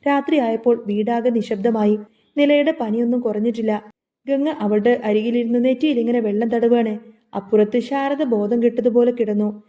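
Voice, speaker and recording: A woman's voice: fairly high pitch, warm tone. A woman narrating a recap of a television serial episode, reading the characters' dialogue as she tells the story.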